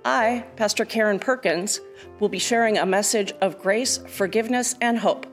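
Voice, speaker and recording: A woman pastor reading liturgy and scripture in a steady, formal voice, heard in an echoing church sanctuary. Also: mid-range voice, normal speed, soft background music. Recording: echoey church sanctuary, faint room noise.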